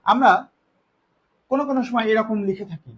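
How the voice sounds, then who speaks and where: A man teaching a spelling lesson for exam preparation, explaining patiently and repeating example sentences slowly. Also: high-pitched, husky, highs cut off. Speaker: grammar teacher.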